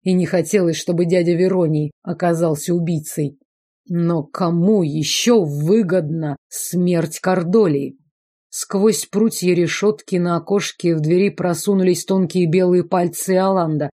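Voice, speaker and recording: A woman reading a first-person fantasy novel aloud in even, measured scripted audiobook narration. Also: on the low side. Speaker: audiobook reader.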